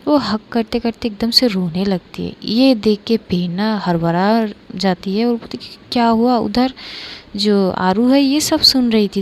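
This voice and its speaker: A young woman telling a love story in a casual spoken style, voicing every character's lines in her own voice with only small shifts. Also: medium pitch.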